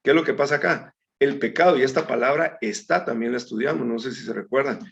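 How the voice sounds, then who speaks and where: A fast-talking man with a creaky, medium-pitched voice teaches a Bible study in a conversational tone. He calls his listeners brethren and reads scripture aloud, with small slips. It's a dull, lo-fi recording.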